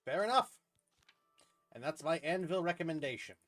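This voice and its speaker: A man narrates his own gameplay in a loose, rambling way, thinking out loud and cutting sentences short. His voice rises and falls freely, and faint game music plays behind him. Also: a little high, lively intonation, moderate pace. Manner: chatty, thinks aloud, trails off mid-sentence. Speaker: streamer. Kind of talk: casual gameplay commentary.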